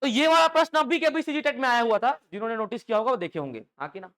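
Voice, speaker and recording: Lively male teacher lecturing a class. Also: very high voice, very fast. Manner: call-and-response questioning, lively rhetorical checks. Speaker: English teacher for exam coaching. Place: classroom with students.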